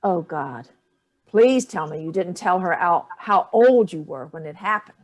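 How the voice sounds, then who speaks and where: A middle-aged woman reads the part of a sardonic, wounded older mother in a staged play reading. Her voice is on the low side, animated but unhurried, and her delivery is clipped and cutting. The mood feels tense and probing.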